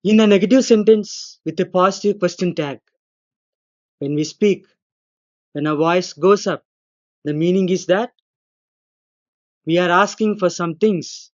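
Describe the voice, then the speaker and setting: A man, a lecturer giving a recorded grammar lesson, explaining slowly and deliberately and acting out the intonation of his examples. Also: sits high, highs cut off. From India. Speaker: English lecturer.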